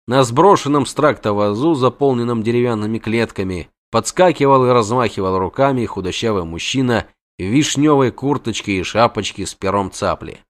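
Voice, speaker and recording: A man narrating an audiobook at a mid pitch. His reading is steady and measured, carrying the story along without hurry. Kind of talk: scripted narration.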